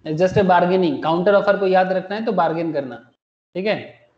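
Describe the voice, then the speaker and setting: A man's voice: high-pitched, normal speed. A man teaching a class, mixing Hindi and English and often asking the students questions. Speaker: commerce teacher. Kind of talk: classroom lecture. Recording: echoey room, muffled lo-fi sound.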